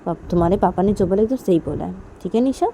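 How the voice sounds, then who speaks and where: A woman's voice: fairly low pitch, expressive, fast, creaky, warm tone, slight background noise. A woman doing a firm, coaxing mother. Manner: coaxing, ends lines with tag questions. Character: firm, lecturing middle-aged mother.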